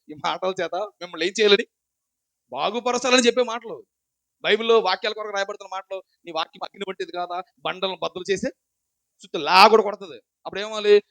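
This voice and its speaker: A man's voice: high voice, pushed and bright, no room sound, poor audio. A man preaching a sermon, asking rhetorical questions and repeating his points. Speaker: pastor.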